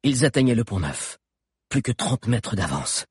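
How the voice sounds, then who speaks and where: Husky male narrator, dry close sound, animated storytelling. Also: medium pitch, measured pace, dry recording. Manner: expressive, dramatic reading. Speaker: audiobook narrator. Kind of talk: scripted narration.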